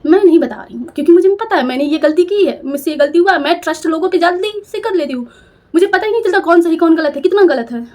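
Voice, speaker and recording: Young woman storyteller with a high voice, emotional and self-reproaching. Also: animated, quick pace, darkish tone. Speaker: storyteller vlogger. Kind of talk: personal storytelling.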